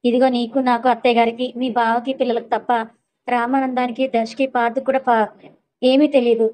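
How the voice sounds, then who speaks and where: Woman doing middle-aged mother, calm, patient, explaining, story reading. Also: fairly high pitch, brisk, close to an everyday voice, low-quality recording. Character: middle-aged mother, calm, pleading elder sister-in-law.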